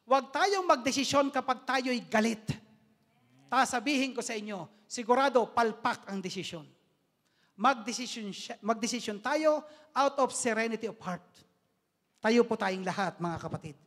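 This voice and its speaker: A man preaching a sermon as a lay preacher, emphatic and stretched out with long pauses. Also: very high-pitched, a bit bright. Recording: long reverb of a large hall.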